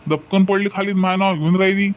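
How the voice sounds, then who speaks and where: A man's voice: high-pitched, fairly even intonation, fast, muffled recording, natural voice. A man voicing a cheeky young male student troublemaker with a Varhadi Marathi accent, brash and argumentative. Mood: defiant. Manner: defiant, whining when caught.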